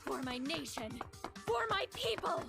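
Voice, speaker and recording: Casting: frantic doomed maid, very high, wildly swooping cries from a distance, defiant, anime game. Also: female voice, sing-song, measured pace, gravelly, loud music behind the voice, exaggerated voice. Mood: desperate, defiant. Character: desperate condemned maid fleeing for her life, refusing to die. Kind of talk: English anime game voice acting.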